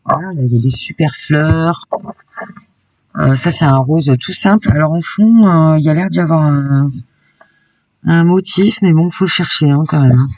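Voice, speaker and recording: Gravelly-voiced woman chatting through a haul. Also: low-pitched, moderate pace, a little mellow, dry recording, recorded from a distance. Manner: chatty and enthusiastic, peppered with "hein". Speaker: craft YouTuber. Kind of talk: casual shopping haul vlog.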